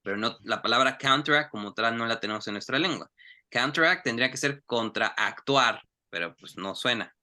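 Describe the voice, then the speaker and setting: A man leads an English pronunciation class. His voice is very bright and forward, and he talks in an animated, coaxing way, slowing down to model each phrase. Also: medium pitch. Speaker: English teacher. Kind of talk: online class, explaining in Spanish.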